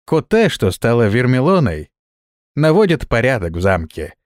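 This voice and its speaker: A man's voice: mid-range voice, big pitch swings, normal speed, no echo, clean studio sound, close to an everyday voice. A man voicing an old, weary male vampire lord who groans and complains, in a storybook reading. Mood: grumbling.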